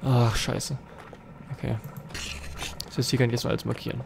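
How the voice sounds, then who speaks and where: A man's voice: medium pitch, little pitch movement, normal speed, creaky, noisy background. A young man commenting live on a horror game as a let's play host, restless and jumpy, swearing and talking to his viewers. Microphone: facecam with desk mic.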